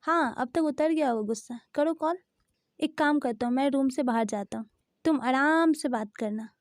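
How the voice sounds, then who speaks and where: A woman's voice: sits high, moderate pace, no echo, clean studio sound. A woman voicing a bossy, impatient young male friend in a storybook-style fan dub, in a scolding, pushy manner.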